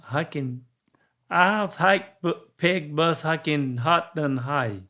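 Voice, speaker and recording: A man's voice: a little high, takes it slowly, bright, forceful tone. A man chatting casually and hesitantly sounding out phrases in a word-guessing game.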